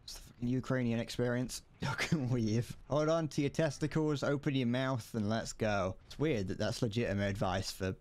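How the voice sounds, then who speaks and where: A man's voice: mid-range voice, moderate pace, few pauses, darkish tone, a little hiss or hum. A young man from the UK who streams games and makes casual, rambling, profane jokes as he plays. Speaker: gaming streamer. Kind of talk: casual commentary while gaming.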